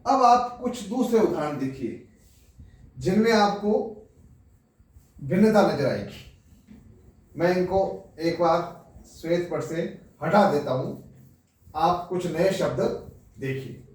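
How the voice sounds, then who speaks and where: A man with a fairly high voice gives a slow, deliberate lecture, taking the words one at a time and turning to his listeners as he explains. He sounds far from the mic, and the room around him echoes heavily. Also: animated, a little mellow. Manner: deliberate, explains word by word, addresses listeners directly. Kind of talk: slow classroom lecture on pronunciation.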